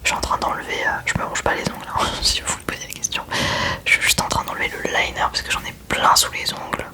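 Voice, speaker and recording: A young woman whispering casual ASMR chat into a close microphone while doing her makeup at home, chatty and self-mocking. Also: quick pace. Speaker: ASMR creator.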